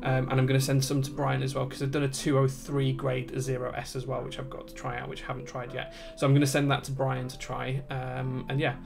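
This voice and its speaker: A man with a broad Yorkshire accent talks in a relaxed, conversational way to livestream viewers. His voice has a gravelly creak and stays level in pitch. Music plays clearly behind him. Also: brisk, hardly any pauses. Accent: broad Yorkshire English. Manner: relaxed, conversational, reading out chat comments. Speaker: livestream host and keyboard builder. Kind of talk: casual livestream chat.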